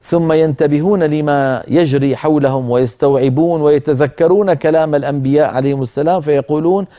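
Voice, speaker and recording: A man hosting a televised lesson on Quran recitation, explaining the rules in a measured way and pausing to demonstrate them slowly. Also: on the high side, fairly even intonation, mellow. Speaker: Quran recitation teacher, program host.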